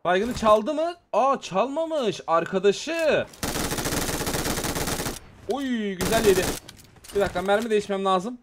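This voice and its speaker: Male gaming host, high voice, excitable play-by-play, tense muttering in fights. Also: takes it slowly, long pauses, background noise. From Turkey. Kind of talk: live gameplay commentary.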